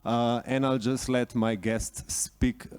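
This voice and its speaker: A man from Slovenia moderating a conference panel in a relaxed, informal way, with frequent fillers. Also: mid-range voice, slow pace, clean tone. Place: conference stage.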